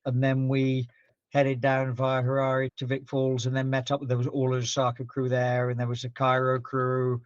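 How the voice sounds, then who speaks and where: A man's voice: medium pitch, monotone, normal speed, no echo. Middle-aged male guest, easygoing rambling raconteur, recorded dry and muffled. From Zambia-born, raised in Scotland. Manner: rambling anecdotes with frequent laughs. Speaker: podcast guest. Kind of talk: relaxed storytelling interview. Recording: dull, muffled sound.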